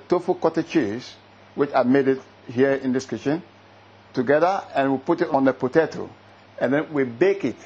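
A man's voice: mid-range voice, darkish tone, breathy edge, muffled recording. A middle-aged man from Ghana with a Ghanaian accent, a chef who talks in a casual, hesitant way, full of fillers and restarts. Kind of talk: casual interview and cooking demo.

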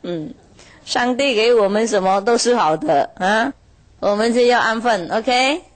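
A woman's voice: a little high, expressive, a little slow. A woman telling a moral parable in a chatty way, laughing often and drawing out her filler words.

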